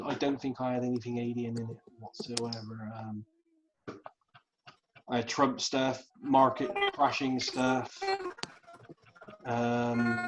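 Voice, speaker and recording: A man hosting a casual group video call, speaking in a halting way and repeating words as he thinks aloud. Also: medium pitch, noisy background. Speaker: host. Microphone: video call mic. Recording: dull lo-fi video call audio.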